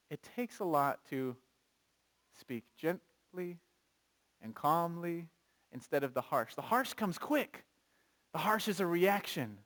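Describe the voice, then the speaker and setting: A male pastor with a slightly high voice preaches in an animated, conversational style. He reads scripture aloud and addresses questions to the congregation.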